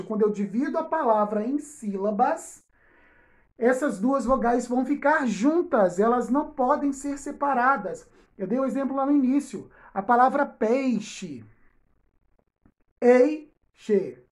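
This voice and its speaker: A woman teaches a recorded video lesson to young pupils. Her voice sits a little high, and she stretches out example words slowly. She keeps checking in with her class as she goes. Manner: slow, drawn-out spelling of example words; patient, checks in often with "tá?" and "né?". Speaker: schoolteacher. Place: home or classroom, projecting slides on a wall.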